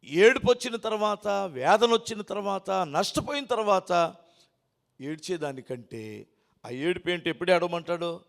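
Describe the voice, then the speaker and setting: A man preaching a sermon as pastor, alternating loud emphatic declarations with quiet, lowered asides and rhetorical questions to the congregation. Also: animated, a little slow, vocal fry. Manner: emphatic, rising to loud declarations then dropping low. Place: church hall.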